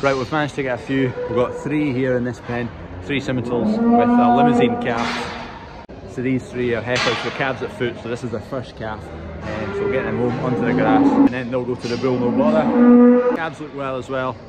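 A man's voice: mid-range voice, expressive, brisk, loud music behind the voice. A man in his twenties with a Scottish accent, a farmer talking casually to camera for a vlog. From Scotland. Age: 20s. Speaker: cattle farmer and vlogger. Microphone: handheld phone at arm's length. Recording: very noisy farm, vehicle and market background.

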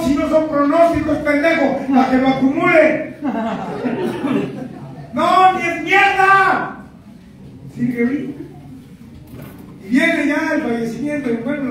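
A man's voice: very high voice, heavy reverb. Mexican male sponsor, crude and scolding to a rehab group, captured from far off in a noisy room. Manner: profane, scolding, half-shouting. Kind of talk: confrontational testimony to a group.

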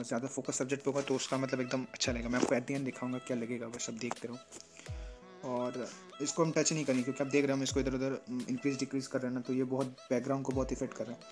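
A man walks through photo edits in a quick, casual tutorial, talking fast in a flat, even tone. He keeps checking in with the listener as he goes, with soft music playing underneath. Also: medium pitch. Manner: explains step by step, often checks in with "theek hai na". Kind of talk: casual screen-recorded tutorial.

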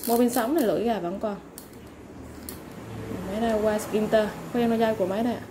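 High-voiced woman pitching products over background noise. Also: fairly even intonation, fast talker. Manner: polite, informal listing with repeated stock phrases. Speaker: online seller of used fishing reels. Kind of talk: live product sales pitch, item by item. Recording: clearly noisy background ambience.

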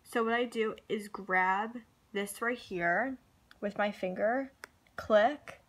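A woman's voice: mid-range voice, takes it slowly, a bit bright, husky. A young woman YouTuber filming a casual tutorial vlog on her phone from her bed, talking in a chatty, rambling way full of "like" and "um". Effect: recorded on a phone. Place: sitting on her bed at home. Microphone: phone camera.

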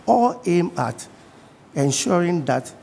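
A middle-aged man with a Ghanaian accent, a guest from the fishing industry in a TV studio interview, speaking in a measured way and repeating his key points. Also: high-pitched, sing-song, vocal fry, darkish tone, long reverb tail, a little hiss or hum.

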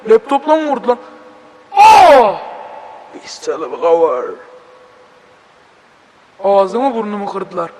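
A young man with a Turkish accent commenting on a horror game as he plays, joking, swearing and breaking into panicked shouts. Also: very high voice, long reverb tail, poor audio. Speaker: gaming video host.

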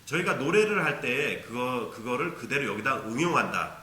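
A man's voice: mid-range voice, big pitch swings, moderate pace, pushed and bright, reverberant. A man teaching a beginner ocarina lesson, patiently explaining and demonstrating tonguing syllables aloud. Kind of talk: instructional video lesson.

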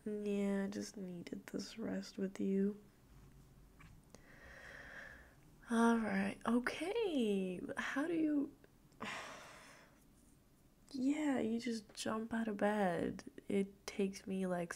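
Woman playing a sleepy just-woke-up girlfriend, creaky whispered role-play. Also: medium pitch, steady tone, darkish tone, heavily acted. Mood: drowsy, cuddly. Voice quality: breathy half-whisper with creaky fry. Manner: sleepy, just-woke-up morning voice, slow and murmuring. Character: sleepy, cuddly, playful girlfriend lingering in bed.

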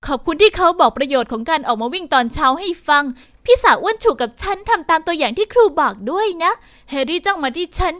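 Young woman telling her own cartoon life story, super high voice, expressive, dry close mic. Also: quick pace, dry recording. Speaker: narrator. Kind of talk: first-person animated story narration.

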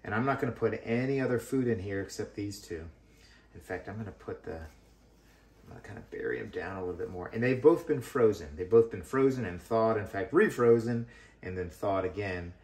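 A man with a deep, low voice talks in a relaxed, hands-on way as he works through a compost bin. His voice bounces around an echoey room. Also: a little fast. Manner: relaxed explaining while digging through a worm bin. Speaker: worm farming channel host. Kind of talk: casual hands-on demonstration.

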